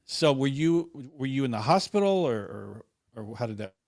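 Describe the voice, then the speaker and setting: A man's voice: medium pitch, animated, moderate pace, gravelly, darkish tone. A man hosting an interview, asking questions in a hesitant, stumbling way. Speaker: podcast host.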